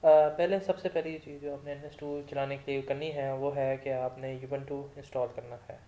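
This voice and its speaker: A male lecturer with a sore throat who coughs now and then, giving a casual software tutorial. He rambles, often corrects himself and mixes in English technical terms. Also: mid-range voice, little pitch movement, moderate pace. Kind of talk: screen-recorded software tutorial.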